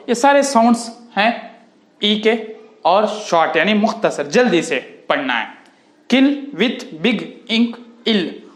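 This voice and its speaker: A man, teaching English vowel sounds in a slow lesson and repeating each word with "okay" and "friends". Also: high voice, a bit bright, roomy sound. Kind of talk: spoken phonics lesson.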